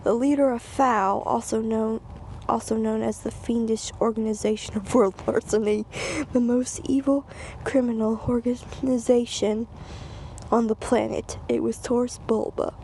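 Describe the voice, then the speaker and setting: A woman's voice: a little high, steady tone, normal speed, mellow, slight background noise. A woman reading a children's storybook aloud, stumbling and repeating phrases, with casual asides. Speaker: reader.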